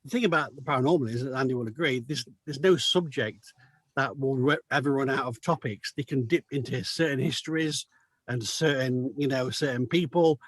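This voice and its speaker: A man's voice: medium pitch, brisk, dry recording. A man from the United Kingdom, a magazine editor, chatting casually on a video call with many restarts and fillers. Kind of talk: casual chat.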